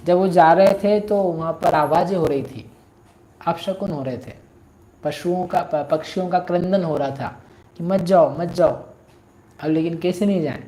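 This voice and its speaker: A woman teaching scripture, explaining a story and chanting verses in a drawn-out sing-song, often asking her listeners questions. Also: lowish voice, mellow. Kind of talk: religious discourse with chanted verses. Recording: roomy echo.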